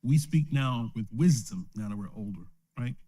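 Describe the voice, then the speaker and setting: A man's voice: mid-range voice, expressive, moderate pace, dark tone. A man, an elder, teaching an informal Bible lesson who keeps checking in with "right?" and chuckles often. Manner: asks "right?" after most points, chuckles often. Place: recorded at home or a small study, streamed live.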